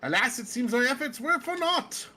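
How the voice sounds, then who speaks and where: Polite undead gent voiced by a woman, fake british accent, formal, bright and lively. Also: high voice, normal speed, voice pushed up, heavily acted. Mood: courteous. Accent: put-on British. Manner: formal, old-fashioned phrasing. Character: courteous male zombie emissary, genteel.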